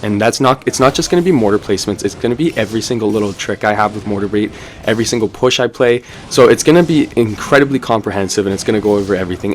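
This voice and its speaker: A man's voice: fairly low pitch, a little hiss or hum. A young man giving casual running commentary over his own mobile card game match, chatty and upbeat, with frequent ums and "let's go ahead". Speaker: gaming YouTuber. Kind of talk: live gameplay commentary.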